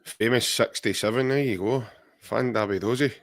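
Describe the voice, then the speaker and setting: A man's voice: medium pitch, normal speed. Scottish guy in his 40s, chatty and jokey, ordinary middle voice. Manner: chatty, jokey, reads out viewer comments. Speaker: podcast co-host. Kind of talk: casual chat.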